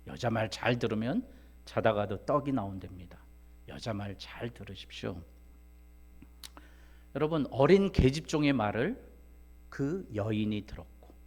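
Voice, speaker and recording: Male pastor preaching, loud then hushed. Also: lowish voice. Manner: swings from loud emphatic rises to hushed, near-whispered asides; rhetorical questions, direct address to congregation. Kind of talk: sermon.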